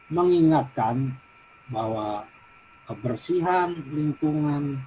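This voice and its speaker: Middle-aged teacher guy, west java accent, halting and repetitive, lots of fillers, light background hiss. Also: fairly high pitch, warm tone, rough recording. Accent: Indonesian, West Java. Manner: halting, repeats himself with many fillers. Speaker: teacher being coached. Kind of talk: coaching practice conversation.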